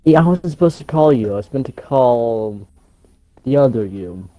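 A man playing a hesitant seventy-year-old retired explorer in an improvised game role-play, talking haltingly as an old man. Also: mid-range voice, expressive, dark tone, natural voice. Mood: hesitant, matter-of-fact.

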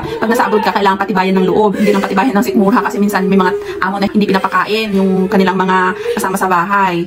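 A woman with a Filipino accent, a worker abroad who chats casually to her viewers, laughing often and giving encouraging advice. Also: mid-range voice. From Philippines. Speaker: vlogger. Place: employer's home abroad.

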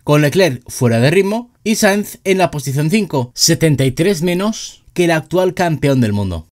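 A man narrating a scripted sports news roundup, reading quotes in an even tone. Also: a little high.

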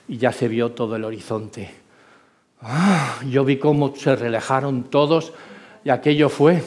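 A man's voice: fairly high pitch, a little mellow. A middle-aged man, a former helicopter pilot, telling his faith testimony as a sermon, moving from vivid storytelling to fervent exhortation.

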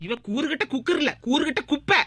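Woman voicing a high, fast, sneering cartoon woman, Tirunelveli Tamil. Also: lively intonation, a bit bright, a little hiss or hum. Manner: sneering, quick, mocking.

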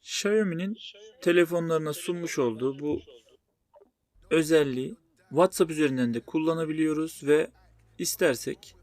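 A man's voice: on the high side, no echo. A man hosting a spoken phone tutorial, explaining things step by step. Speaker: tutorial host. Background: music.

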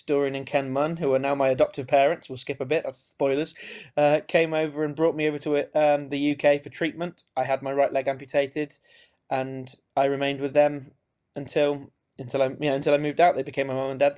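A man speaks over a webcam from a small room at home. His pitch is middling, and he tells his story in a frank, relaxed way, with the odd light laugh. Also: brisk, clean tone. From Romania. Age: 30s. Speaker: interview guest. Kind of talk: recorded video-call interview. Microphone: webcam on a video call.

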